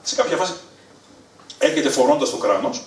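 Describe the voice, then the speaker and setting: A middle-aged man from Thessaloniki, Greece, telling funny family stories live on stage, animated and leaping to a high excited pitch at punchlines. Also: distant mic. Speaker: stand-up storyteller. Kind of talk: live stand-up storytelling. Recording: echoey room, voice from afar.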